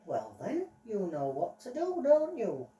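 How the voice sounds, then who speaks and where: A woman voicing a stern TV judge who lectures slowly in a playful toy-play story. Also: mid-range voice, huge pitch swings, dark tone, recorded from a distance. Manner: slow, lecturing, drawn out. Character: stern slow-talking TV judge. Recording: roomy echo, voice off-mic.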